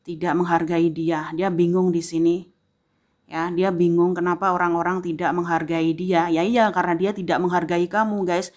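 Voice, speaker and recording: Woman, tarot reader, low-pitched, talks straight to the viewer, repeats phrases, fills pauses with "ya". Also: little pitch movement, darkish tone. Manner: addresses the viewer directly, filling pauses with a frequent "ya"; slow, emphatic repetition of phrases. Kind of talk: tarot reading monologue.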